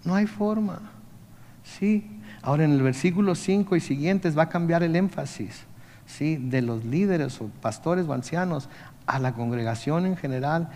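A male pastor, his voice sitting a little high for a man. He preaches in a conversational way, putting rhetorical questions to the congregation. The sound rings with the long reverb of a church hall. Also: moderate pace, dark tone. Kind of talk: sermon.

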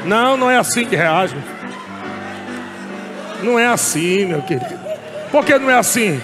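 A man preaching a sermon as pastor, animated and often shouting and laughing, at a church service. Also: sits high, moderate pace, crowd noise. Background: music.

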